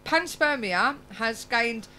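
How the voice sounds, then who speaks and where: Bright, slightly slurring woman radio host. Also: on the high side, lively intonation, slow. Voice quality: slightly slurred speech, as with loose dentures. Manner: stumbles over words when reading. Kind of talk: reading a script aloud with chatty asides. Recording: clear background noise and hum.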